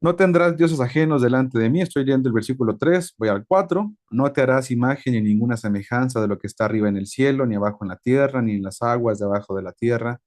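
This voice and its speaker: A man's voice: mid-range voice, fast talker, hardly any pauses. Male bible teacher, interactive sermon, stretches key words for emphasis. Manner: lively, asks the audience questions, stretches key words.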